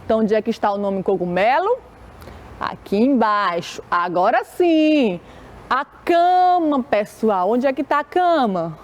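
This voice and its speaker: A woman teaching a televised children's reading lesson, drawing out syllables slowly and calling herself auntie. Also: mid-range voice, animated, highs cut off. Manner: slow, drawn-out syllables, calls herself "tia".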